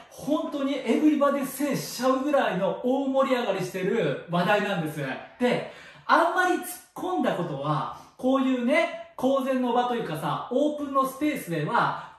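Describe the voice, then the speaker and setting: A man talking as a spiritual counselor in a casual solo monologue, playful and jokey, tacking catchphrases onto his lines and swinging between loud bursts and soft asides. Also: sits high, recorded from a distance. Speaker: spiritual counselor and channel host. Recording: very echoey room, voice from off mic.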